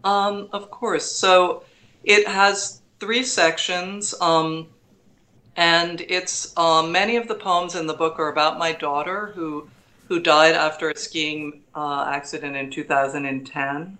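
Bright, unhurried woman poet. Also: sits low, steady tone. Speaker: poet and English teacher, guest. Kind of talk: poetry reading and interview talk.

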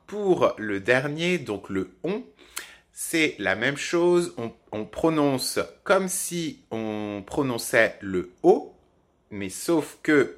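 A man teaching French pronunciation on a podcast, halting with many fillers and restarts. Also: medium pitch, fairly bright tone. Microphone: podcast microphone.

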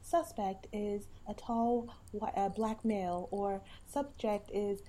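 A woman's voice: medium pitch, fairly even intonation, takes it slowly, dark tone. A woman telling a story in casual chat, stumbling and correcting herself as she goes. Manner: hesitant, self-correcting.

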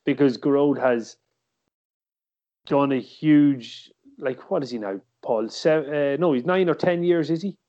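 A man with an Irish accent hosting a casual sports discussion, halting and repeating words as he thinks. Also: mid-range voice, mellow. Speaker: podcast host. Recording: slightly dull, muffled podcast audio.

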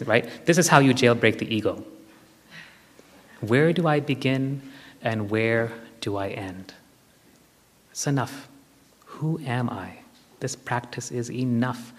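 A man giving a spiritual discourse and guided meditation, repeating short phrases for emphasis and putting probing questions to his listeners. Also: medium pitch. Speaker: spiritual teacher. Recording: long hall reverb.

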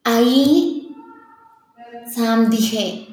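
A woman's voice: a little high, extremely slow, a little mellow. Earnest woman in her thirties, roomy sound. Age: 30s. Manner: confiding, earnest, restarts often. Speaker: wedding planner, guest. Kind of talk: candid personal storytelling. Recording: roomy echo.

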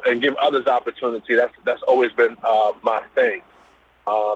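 A breathy, medium-pitched voice belongs to a middle-aged man from Brooklyn with a New York accent. As a business-owner guest in a casual interview heard through a phone-like call line, he talks easily about his background, relaxed and loose with many fillers.

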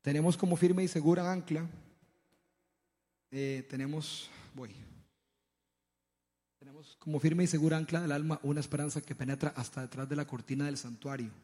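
Man giving a halting sermon talk in a reverberant hall. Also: fairly high pitch. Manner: halting, repeats words, animated storytelling. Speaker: church speaker. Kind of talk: sermon-style testimony talk.

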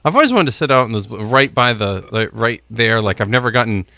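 A middle-aged man chats casually as a morning sports radio host. His delivery swings widely in pitch and his tone is bright and punchy, recorded dry and close. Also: lively intonation, brisk, creaky, no echo. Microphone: close studio microphone.

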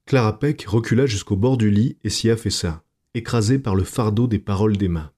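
Low, husky man reading a night tale. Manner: slow, hushed, measured. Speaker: narrator. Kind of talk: scripted narration of night tales.

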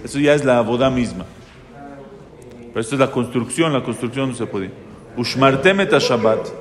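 A man's voice: mid-range voice, normal speed, crowd noise. A man, a rabbi, teaching a Torah lesson to a live audience, reading Hebrew verses and translating them, often asking and answering his own questions. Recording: reverberant hall.

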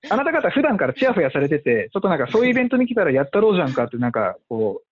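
Animated fast-talking male investor, tinny audio. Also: fairly high pitch. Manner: animated, many fillers, acts out quotes. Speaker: venture investor. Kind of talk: casual podcast conversation.

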